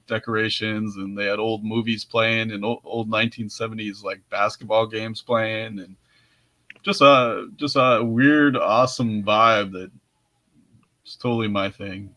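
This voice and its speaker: A man's voice: lowish voice, bright, forceful tone, no room sound. A man co-hosting a podcast, telling a story in casual chat with frequent laughs and restarts. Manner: laughs often, many restarts. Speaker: podcast co-host.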